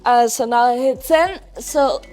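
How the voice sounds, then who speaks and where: A woman's voice: fairly high pitch, unhurried, a little mellow, soft background music. A woman giving casual, encouraging workout instruction as an athlete and coach, explaining each step inside a gym. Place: indoor gym. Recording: noisy gym background.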